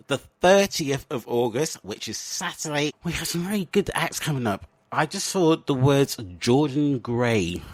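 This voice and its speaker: A man from England hosts a comedic podcast, rambling through his chat in a playful, self-mocking way. His voice sits at an ordinary middle pitch. The recording is dry, with no room sound. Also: dry recording. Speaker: podcast host.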